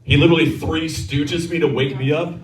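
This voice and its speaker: A brash man in his thirties working a stand-up crowd, with a crude, self-mocking delivery and a fairly high voice for a man. He is heard a little off the mic, and the club room rings around him. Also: fairly even intonation, brisk. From Texas. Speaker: stand-up comedian. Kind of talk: stand-up comedy set. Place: comedy club stage. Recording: roomy club sound from a distance.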